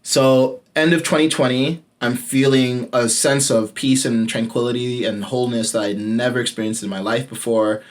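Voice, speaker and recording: A man in his late twenties hosts a podcast and tells a personal story with candor and a casual tone, swearing freely and going low in voice to stress points. His intonation stays fairly even, his pace is moderate, and he barely pauses.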